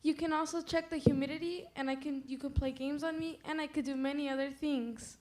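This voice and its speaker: A woman's voice: high voice, steady tone, brisk, darkish tone, slight background noise, close to an everyday voice. A young woman doing a proud, chirpy sensor gadget. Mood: cheerful. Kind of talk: student stage skit.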